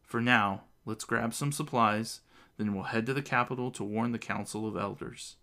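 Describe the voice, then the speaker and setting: A calm, level-headed warrior companion, read by a man in a storybook. He talks steadily and reasons things through, his voice low and gravelly. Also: normal speed.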